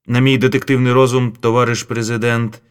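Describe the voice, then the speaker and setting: A man voicing a calm, sly male detective who speaks carefully. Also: medium pitch, brisk, clean tone, lightly acted. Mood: guarded.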